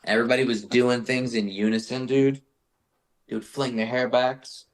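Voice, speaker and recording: A young man, a metal vocalist guesting on a podcast, telling stories in a casual, animated and profane way, saying "bro" constantly. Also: mid-range voice, normal speed. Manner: animated profane storytelling, says "bro" a lot. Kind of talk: casual chat.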